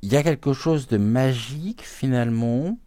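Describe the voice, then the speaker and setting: A man doing a live spiritual card reading, slow and halting with many pauses, sometimes talking aloud to an unseen guide as he draws cards. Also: mid-range voice, dark tone, no room sound. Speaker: tarot and oracle card reader.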